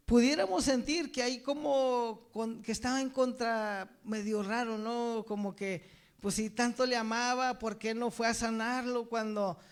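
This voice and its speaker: A man preaching a sermon, reading scripture aloud and putting rhetorical questions to his listeners, often calling them brother. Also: very high-pitched. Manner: reads scripture aloud, then asks the congregation rhetorical questions; addresses listeners as brother, with many filler "right?" tags.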